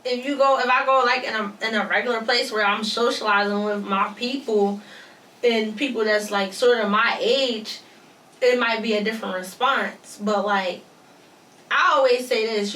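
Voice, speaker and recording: A woman's voice: a little high, steady tone, unhurried, pushed and bright. A twenty-year-old woman co-hosting a podcast, chatting casually and rambling with restarts. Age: 20s. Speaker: podcast co-host. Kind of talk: casual chat. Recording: echoey room, mic at a distance.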